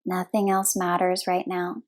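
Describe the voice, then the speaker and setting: A woman with a lowish, monotone voice leads a yoga nidra relaxation session. She speaks calmly in short, unhurried bits, letting long pauses settle between them.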